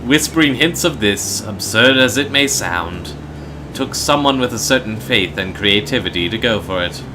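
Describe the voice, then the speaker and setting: Man acting learned game mentor, formal, deliberate, persuasive, low voice, noisy room. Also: lively intonation, close to an everyday voice. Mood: earnest, explanatory. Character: tall, learned male mentor, measured and persuasive. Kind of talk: reading video game dialogue aloud.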